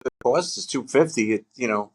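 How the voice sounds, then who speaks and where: A man co-hosting a casual podcast chat, talking in halting bursts with many fillers and restarts, laughing as he tells a story. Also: medium pitch, expressive, slightly rough. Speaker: podcast co-host.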